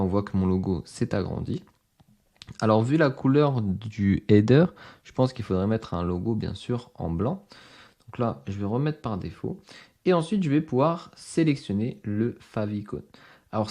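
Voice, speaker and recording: A man walking viewers step by step through a software screen-recording tutorial as instructor, explaining each setting directly to them. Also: on the low side. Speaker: online course instructor.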